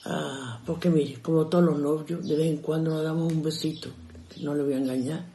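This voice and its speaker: A woman's voice: deep voice, steady tone, moderate pace, mellow, slight background noise. An older woman casually telling stories from her youth, chatty and homely, addressing her listeners directly. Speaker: storyteller. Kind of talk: casual storytelling of memories. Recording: roomy echo.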